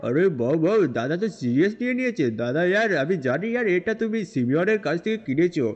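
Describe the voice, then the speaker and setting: A man's voice: fairly high pitch, sing-song, fast talker, long reverb tail, dull audio. A man voicing a cheeky young cartoon boy sidekick in a gameplay role-play. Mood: teasing.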